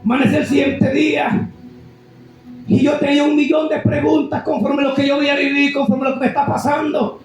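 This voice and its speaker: A man preaches his testimony at full shout, his voice pitched very high. He sounds distant from the mic, and the church hall around him rings with heavy echo while soft music plays underneath. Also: level tone, brisk. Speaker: evangelist.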